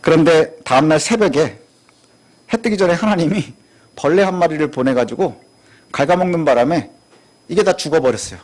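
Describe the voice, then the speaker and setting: A man's voice: on the high side, normal speed, pauses often, darkish tone. A male pastor giving a conversational sermon, often asking rhetorical questions and dropping in a short affirming word. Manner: frequent affirming "ye" filler.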